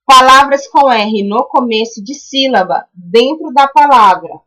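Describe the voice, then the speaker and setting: A woman's voice: sits high, a bit bright, rough recording. Brazilian woman, primary teacher, recorded lesson, patient, explains step by step. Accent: Brazilian Portuguese. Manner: spells out example words slowly.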